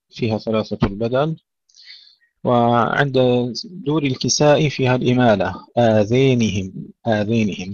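A man teaching a tajweed lesson, reciting words slowly to demonstrate and correcting common mistakes. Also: medium pitch, dry recording. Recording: dry, dull lo-fi audio.

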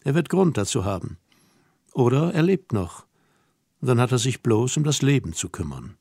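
A man reading an audiobook voices a young woman who teases and orders her companion about, asking brisk, mocking questions. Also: medium pitch, big pitch swings, darkish tone, slightly rough, no echo, studio quality. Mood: teasing. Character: young woman, teasing, bossy and self-assured. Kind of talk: audiobook dialogue.

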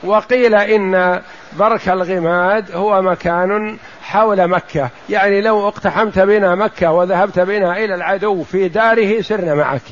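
A man teaches from a religious text with a fairly high voice, slowing to repeat and stress key words. The recording sounds dull and lo-fi. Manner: explains slowly, repeats phrases and says "yes" to cue the reader. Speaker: sheikh explaining a text. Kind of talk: religious lesson commentary.

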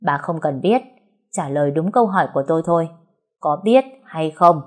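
A man's voice: on the high side, expressive, moderate pace. A woman voicing a determined young man who speaks curtly and firmly. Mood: stern. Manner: firm, curt.

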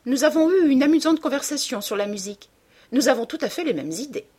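A woman's voice: high voice, animated, fast, a little mellow, slightly rough, voice pushed up. A woman reading an audiobook and voicing a flighty society lady who gushes and rambles. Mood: gushing. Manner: gushing, rambling, breathless chatter. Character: chattering flighty society lady, nervous laugh.

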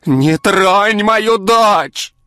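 A man voicing a deranged middle-aged village woman who snarls and screams in a shrill, frantic voice. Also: very animated, brisk, fairly bright tone, no echo, clean studio sound, faint music behind. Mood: shrieking.

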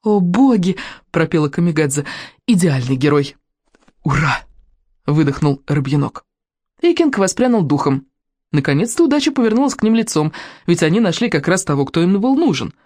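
A woman narrating an audiobook in an expressive storytelling manner. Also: fairly low pitch, fairly quick, no echo, clean studio sound. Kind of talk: scripted narration.

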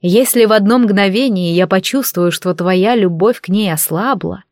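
A woman reading the part of a fiery red-haired goddess in an audiobook, with a slow, drawn-out delivery. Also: medium pitch, darkish tone, no room sound, clean studio sound, close to an everyday voice. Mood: stern. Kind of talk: audiobook narration.

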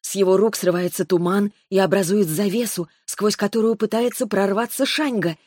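A woman narrating a first-person fantasy audiobook in a steady storytelling manner. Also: medium pitch, moderate pace, dry recording, clean studio sound.

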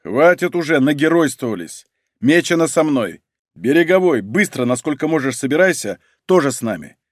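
Man voicing a gruff, tired police detective. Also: fairly high pitch, brisk, a little mellow, dry recording, clean studio sound, lightly acted. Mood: barking. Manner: gruff, growling, barks orders.

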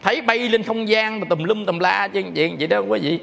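A man's voice: high voice, moderate pace, gravelly. A man preaches as a Buddhist monk. He tells his stories animatedly, acting out the callers. His voice carries a long hall reverb. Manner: animated storyteller acting out phone calls. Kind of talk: sermon with storytelling.

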